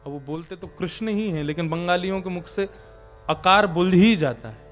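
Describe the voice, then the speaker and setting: A man's voice: high voice, normal speed, faint music behind. A male preacher giving a devotional sermon, explaining and stressing correct pronunciation as he tells a story.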